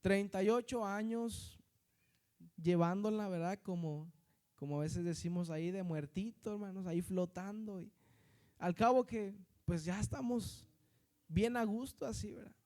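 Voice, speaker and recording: A man with a northern Mexican accent delivers a sermon in a notably high voice. He preaches in a chatty way, constantly tagging his sentences with questions and addressing the congregation as brothers and sisters. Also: unhurried, mellow.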